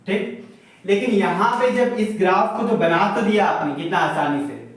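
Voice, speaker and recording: Male maths teacher, high pitch, repeats points with everyday examples, distant echoey recording. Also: normal speed. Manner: explains step by step with homely examples, repeats points. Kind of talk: classroom lecture on graphs. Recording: very echoey room, voice from far off.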